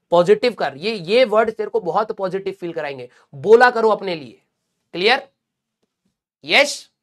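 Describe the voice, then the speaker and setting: A man's voice: sits high, a bit bright. A male teacher giving a blunt, scolding pep talk to exam students in colloquial with English words.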